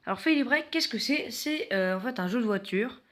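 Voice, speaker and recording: A man's voice: very high-pitched, animated, brisk, sharp tone. A man presenting mobile games in casual gameplay commentary, hesitant and full of filler sounds, with self-mocking jokes. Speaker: mobile game video host.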